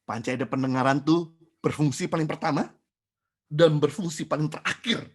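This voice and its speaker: A middle-aged man, a pastor, tells a testimony in a sermon, swinging from high, loud bursts to low, quiet lines as he speaks to the congregation. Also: fairly quick. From Indonesia. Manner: addresses the congregation directly.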